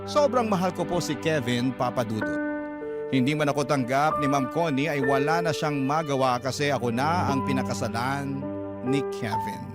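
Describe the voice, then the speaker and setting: A Filipino-accented radio host and story reader dramatically narrates a listener's letter in a mid-range voice at a moderate pace. Loud instrumental music plays underneath him.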